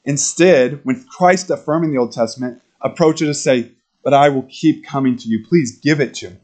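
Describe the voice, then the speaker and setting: A male pastor preaching a sermon in a conversational, animated way, acting out quoted lines and laughing between points. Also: medium pitch, normal speed. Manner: animated, acts out quotes in character voices.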